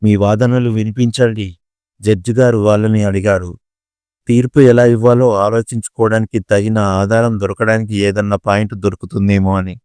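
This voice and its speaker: A man narrating a family drama story in a steady, measured reading. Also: on the low side, clean tone, no echo, studio quality.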